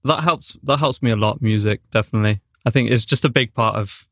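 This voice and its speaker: A young Welsh man from Newport, a drama graduate, chats casually about acting, hesitating often with plenty of fillers and restarts. His voice is medium-pitched and fairly quick, captured in a dry, clean studio recording.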